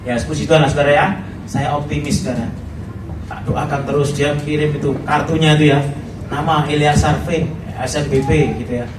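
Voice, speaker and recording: A man's voice: fairly high pitch, fairly even intonation, a little fast. Man, Javanese accent, middle-aged, pastor, humorous sermon, distant mic, noisy room. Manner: chatty, humorous preaching with frequent laughs. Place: church hall. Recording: echoey hall, voice from far off.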